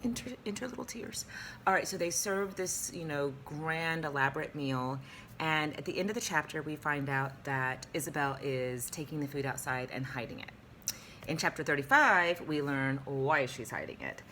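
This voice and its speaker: A woman's voice: sits low, normal speed, bright, forceful tone, a little hiss or hum. A young woman teacher reading a novel aloud and chatting about it in a playful, easily distracted way, recorded at home on a webcam.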